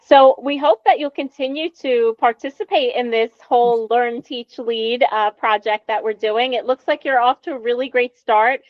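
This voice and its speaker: A woman's voice: fairly high pitch, fairly even intonation, moderate pace, few pauses, no room sound. A woman co-hosting an education podcast, asking questions and affirming her guest. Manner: encouraging, affirming. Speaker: podcast co-host. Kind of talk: conversational interview. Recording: dull lo-fi dry sound.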